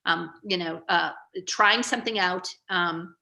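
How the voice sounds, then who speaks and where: A woman's voice: lowish voice, a little slow, vocal fry, sharp tone. A middle-aged woman giving an artist talk over a video call, rambling and hesitant with many fillers. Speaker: guest artist.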